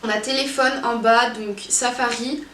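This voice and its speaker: A woman's voice: fairly high pitch, steady tone, moderate pace, a bit bright. A young woman vlogging in a casual, rambling way, full of fillers and hesitations. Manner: chatty, rambling with many fillers. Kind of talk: casual chat. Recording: echoey room, from a distance, faint noise.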